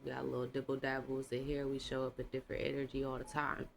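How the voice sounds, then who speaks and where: A tarot reader hosting a casual channel reading, talking in a relaxed, rambling, slangy way with a congested voice. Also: medium pitch, quick pace, gravelly, slight background noise.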